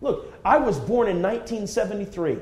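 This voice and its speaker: A man's voice: high voice, very animated, a little fast, a little mellow. A man in his forties preaching a fervent, emphatic sermon full of repetition. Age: 40s.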